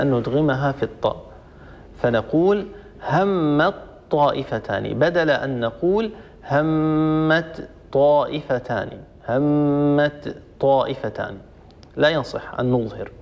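A man teaching Quran recitation rules, slowly repeating examples and restarting often. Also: fairly high pitch, creaky. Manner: slow repetition of examples, many restarts. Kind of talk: explaining tajweed rules. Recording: dull lo-fi recording.

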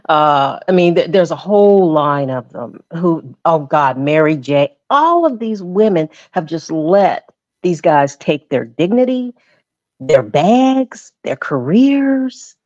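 A woman's voice: sits low, sing-song, slow, darkish tone, no echo. Earnest questioning woman, dry lo-fi. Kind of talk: casual commentary chat. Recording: dry, muffled audio.

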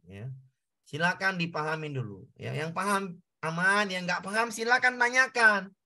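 A man's voice: high voice, animated, normal speed, bright, forceful tone. A man tutoring an online class, explaining exam answers step by step, repeating key points and addressing students directly.

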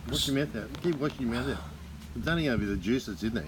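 A man's voice: medium pitch, expressive, racing. An Australian man chatting casually and teasingly as he hosts a challenge from behind the camera outdoors. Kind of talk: casual chat. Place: outdoors in a backyard garden. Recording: noisy outdoor phone recording.

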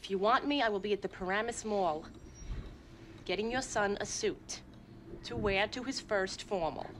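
An actress playing a curt wife with a sharp tongue, TV drama scene. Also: female voice, medium pitch, normal speed, slight background noise, close to an everyday voice. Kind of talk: TV drama acting.

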